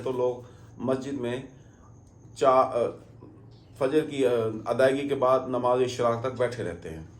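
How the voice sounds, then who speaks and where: A man giving calm, step-by-step religious instruction as a preacher. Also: medium pitch. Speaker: Islamic preacher. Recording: roomy echo.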